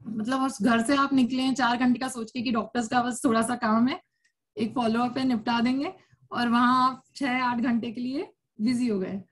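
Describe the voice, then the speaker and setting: Candid, chatty woman with a higher voice. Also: steady tone, moderate pace. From India. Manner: chatty, candid storytelling with frequent laughs. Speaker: cancer survivor sharing her story. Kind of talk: personal testimony at a support circle. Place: room with a seated audience.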